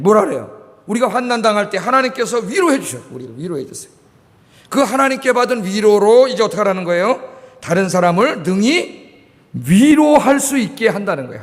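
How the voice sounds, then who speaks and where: A middle-aged male pastor from Korea preaching a sermon, asking the congregation questions and repeating key words. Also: sits high. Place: church sanctuary. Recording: reverberant church hall.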